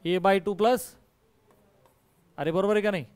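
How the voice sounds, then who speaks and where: A male math teacher leads a call-and-response lesson, coaxing and quizzing his students, calling them dear, and mixing in English terms. His voice is high-pitched, unhurried, and smooth, with no room sound.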